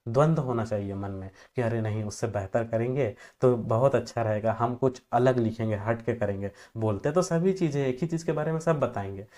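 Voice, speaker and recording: A man's voice: mid-range voice, fairly quick, few pauses, a little mellow. A male teacher explaining exam material in an easygoing, talky manner. He fills his sentences with filler phrases and reaches for everyday examples to make points land. Now and then he trips over a technical term and corrects himself. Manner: loose conversational explaining with homely examples; filler-heavy, repeats "जो है" often. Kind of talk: exam-prep lecture.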